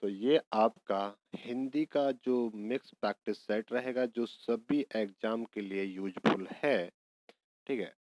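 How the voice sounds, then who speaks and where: A man's voice: fairly low pitch, slow pace, darkish tone, no echo, rough recording. A man teaching an exam prep lesson, working through each question step by step and answering his own prompts.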